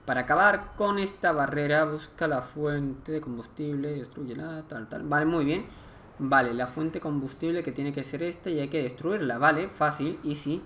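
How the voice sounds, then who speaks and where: A man's voice: fairly high pitch, a bit bright, a little hiss or hum. A man who chats and thinks aloud while playing a game, reading game text aloud as he goes. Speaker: gameplay commentator. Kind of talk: let's play commentary.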